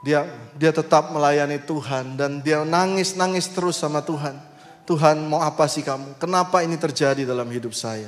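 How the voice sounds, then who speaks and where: A male pastor preaching a sermon, voice surging high and loud on key phrases as he leads the congregation through scripture. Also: big-room sound. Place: church sanctuary.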